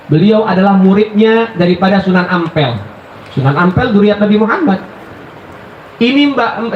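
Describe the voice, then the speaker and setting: High-voiced man preaching in echoey hall. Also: a little hiss or hum. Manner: animated storyteller, addresses listeners as brothers. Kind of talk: sermon storytelling. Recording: echoey, dull live recording.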